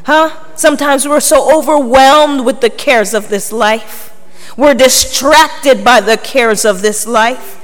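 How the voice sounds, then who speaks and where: A woman's voice: sits high, takes it slowly. A woman preaching a sermon, emphatic and full of rhetorical questions to her congregation. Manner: emphatic, rhetorical, often prompting the listeners. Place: large reverberant hall, preaching to a congregation. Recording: echoey hall with long reverb.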